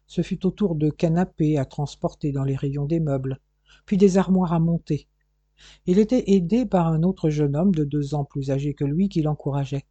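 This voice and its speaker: A woman reads a novel aloud in a calm, even storytelling voice. Her tone is very dark and mellow. The recording is dry and a little muffled. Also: deep voice, husky, no room sound. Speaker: audiobook narrator. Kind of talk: read-aloud novel narration.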